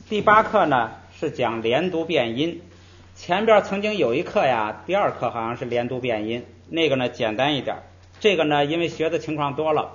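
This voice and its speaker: This slightly muffled clip has a man with a mid-range, somewhat bright voice lecturing a language class. He explains patiently, lengthening syllables in his examples and saying "hey" between points.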